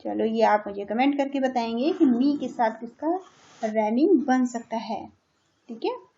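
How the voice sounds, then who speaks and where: A woman's voice: a little high, measured pace, dark tone. A woman teaching a children's English lesson in Hindi, patiently repeating words and asking questions that she answers herself. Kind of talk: slow classroom lesson explaining English in Hindi. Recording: dull lo-fi sound.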